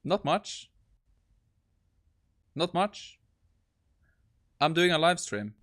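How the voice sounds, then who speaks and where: A man's voice: fairly high pitch, very animated, extremely slow, fairly bright tone. A man hosting a tech live stream, amused and exasperated as he tests a voice assistant. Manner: amused, exasperated, laughing asides. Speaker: tech livestream host. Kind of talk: casual live-stream testing.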